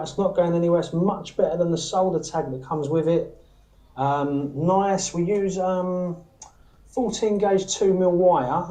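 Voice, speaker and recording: A British antenna maker demonstrates his process in a small indoor workshop, explaining each step informally and frequently checking in with the viewer with "all right?" and "okay?". His voice is a little high with a warm tone, and the audio is poor.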